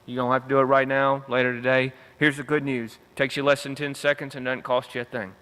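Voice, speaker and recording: A man's voice: medium pitch, little pitch movement, brisk, pushed and bright, smooth. A young man giving an emphatic convention speech with a repetitive rallying cadence, as a union veterans leader. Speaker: union veterans council director. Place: convention hall. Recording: echoey hall reverb.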